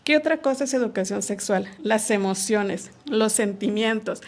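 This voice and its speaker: Appearing as a podcast guest, a woman calmly explains sexual education in a casual conversation, acting out little quoted exchanges along the way. Her pitch is medium and her pace moderate.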